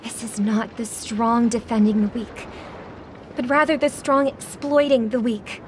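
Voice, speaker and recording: An actress voicing a graceful young singer, speaking softly and earnestly in a video game. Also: female voice, a little high, fairly even intonation, a little slow, a little hiss or hum, close to an everyday voice. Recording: game audio with music behind.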